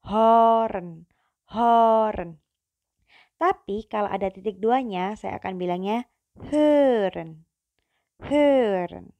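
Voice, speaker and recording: A young woman teaching German pronunciation in a slow, patient lesson, drawing out each sound. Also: a little high, darkish tone, no echo. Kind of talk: classroom-style video lesson.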